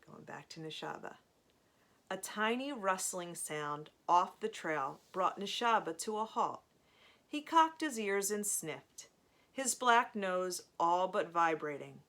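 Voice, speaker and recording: A woman reading a novel aloud in a slow, measured storytelling manner, with casual asides between chapters. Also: medium pitch, lively intonation, a bit bright. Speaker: reader of a novel.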